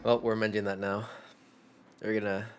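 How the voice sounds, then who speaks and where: A man's voice: on the low side, little pitch movement, moderate pace, noisy background. A young man streaming live, chatting casually in a rambling, profane way full of fillers.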